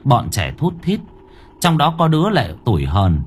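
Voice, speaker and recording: A man narrating a horror story in a dramatic, expressive way. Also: mid-range voice, moderate pace, a little hiss or hum. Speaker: audiobook narrator.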